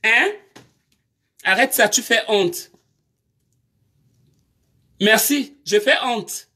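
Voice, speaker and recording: A woman's voice: a little high, drawn-out words, sharp tone. A woman, scolding her commenters during a live stream with confrontational rhetorical questions.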